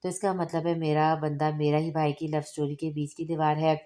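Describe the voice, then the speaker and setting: A woman's voice: deep voice, level tone, a little fast, dark tone, natural voice. A woman voicing a chirpy, impulsive young bride who chats and teases. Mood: chatty.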